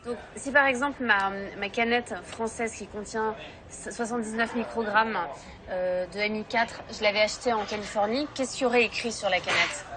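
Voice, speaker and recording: A woman's voice: fairly high pitch, normal speed. A woman interviewer asking questions in an inquisitive, slightly hesitant way. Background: crowd noise.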